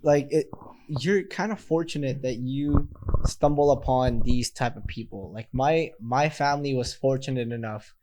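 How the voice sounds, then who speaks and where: Slangy young man, medium-pitched voice. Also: moderate pace, a little mellow, slight background noise. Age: young adult. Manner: slangy, heavy swearing, emphatic. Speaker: podcast host. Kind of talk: casual podcast chat. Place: small plain room, indoors. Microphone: handheld microphone held close.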